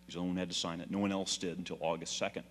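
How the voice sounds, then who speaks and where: A man from Texas giving an energetic, exhorting speech to a political meeting, telling stories to rally the room. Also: low voice, racing, slight background noise. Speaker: political activist speaker. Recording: hall reverb.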